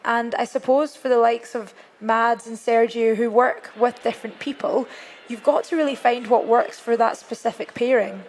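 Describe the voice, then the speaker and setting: A woman's voice: fairly high pitch, steady tone, moderate pace. A woman co-commentating on a rally, talking in a conversational, reflective way. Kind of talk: live sports commentary.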